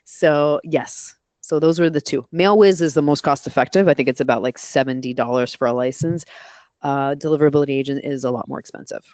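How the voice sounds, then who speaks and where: A mellow, low-sitting female voice with no echo moves at a fairly quick clip. She's a guest expert on a live webinar with a voice suited to radio, taking questions and breaking down her methods in practical steps. Now and then she corrects herself mid-explanation.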